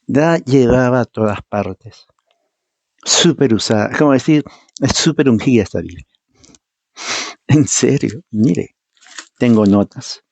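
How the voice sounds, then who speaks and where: Preacher, male, emphatic and argumentative, mellow husky tone. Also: medium pitch, lively intonation, unhurried, pauses often, no room sound. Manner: emphatic, argumentative, repeats points, mimics others. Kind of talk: informal teaching sermon. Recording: dull, muffled dry sound.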